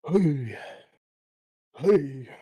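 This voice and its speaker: A man's voice: on the high side, lively intonation, drawn-out words, breathy edge, dull audio. A man chatting casually with friends during an online tabletop game, rambling and hesitating as he explains things.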